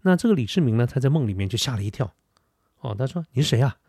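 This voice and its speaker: A man's voice: mid-range voice, very animated, fast, gravelly, a little mellow, slightly rough, dry recording, studio quality. Chatty storyteller man. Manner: chatty, uses filler particles, asides to listener. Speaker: podcast storyteller. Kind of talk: casual storytelling narration. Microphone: Shure dynamic studio mic, close.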